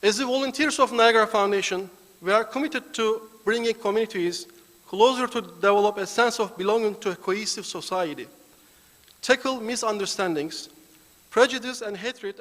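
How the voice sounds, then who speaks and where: High-voiced man praying solemnly in a hall. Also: a bit bright. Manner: solemn, deliberate invocation. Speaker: foundation volunteer giving the opening prayer. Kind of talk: formal prayer and address. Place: large banquet hall. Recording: reverberant hall.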